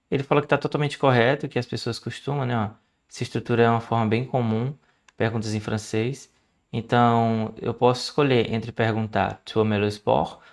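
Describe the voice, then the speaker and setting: A man with a Brazilian Portuguese accent talks through his study notes in a relaxed, conversational vlog. His voice sits at a middle pitch, and he keeps tossing in little check-ins as he explains. He slows down deliberately whenever he sounds out a word. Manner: chatty, explanatory, frequent "né?" and "ó" asides, slows to sound out French words. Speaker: language learner sharing study notes.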